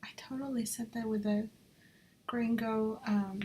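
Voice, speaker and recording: A woman's voice: a little high, fairly even intonation, measured pace, a little mellow, a little hiss or hum. A woman talking through her design work on a screen recording, chatty and muttering to herself as she goes, slipping in Spanish phrases now and then. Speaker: job applicant.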